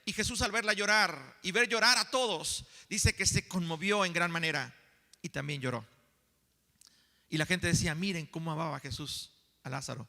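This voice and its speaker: A man preaching to his congregation, his voice high and piercingly bright. He swells in emphasis and then slows into deliberate pauses. The sound rings with the long reverb of a church hall. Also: gravelly. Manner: preaching with rising emphasis and slow dramatic pauses. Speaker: pastor. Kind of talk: sermon.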